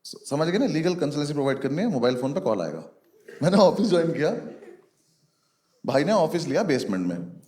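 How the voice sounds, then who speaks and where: A man's voice: a little high, big pitch swings, a little fast, pauses often, darkish tone. A man doing a stand-up comedy set on stage, telling a story in a loose conversational way and chatting with the audience.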